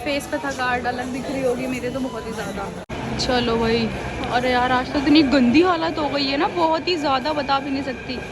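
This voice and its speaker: A woman's voice: sits high, normal speed, over loud music. A tired woman vlogger filming on her phone on the go, chatty and complaining. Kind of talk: handheld vlog on the go. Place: busy public places and metro station. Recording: loud crowd and street noise.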